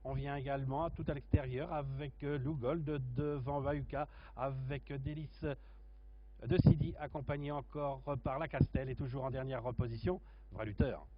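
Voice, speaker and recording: Man, live horse race commentator, halting running order, muffled lo-fi audio, faint noise. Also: medium pitch, fairly even intonation. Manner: halting, listing runners in order. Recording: muffled, noisy racecourse commentary feed.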